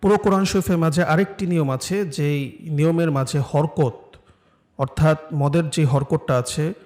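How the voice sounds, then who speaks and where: A man's voice: on the high side, normal speed, a little mellow. A man from Bangladesh teaching Quran recitation, patiently correcting students and having them repeat. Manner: patient, corrective, prompting repetition. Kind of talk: classroom lesson with live student drills.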